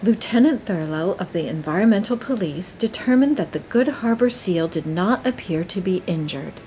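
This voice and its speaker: A woman reads a nature documentary script in a calm, measured voice at a middle pitch. Her delivery is gentle and steady, with a faint low rumble under the recording. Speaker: documentary narrator.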